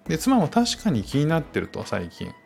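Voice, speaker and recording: A man in his thirties, a stay-at-home dad, hosting a casual podcast alone at a close mic and reflecting gently on parenting, with lots of fillers. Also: on the high side, huge pitch swings, moderate pace, vocal fry. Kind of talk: casual spoken-word podcast monologue.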